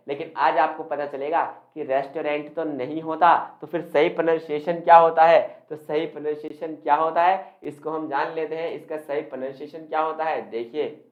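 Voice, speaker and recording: A man teaching English pronunciation in Hindi, repeating words and quizzing the viewer. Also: on the high side. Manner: repetitive, quizzing the viewer, stretching words slowly. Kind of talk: Hindi-language spoken English lesson. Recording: tinny phone-like sound, echoey room.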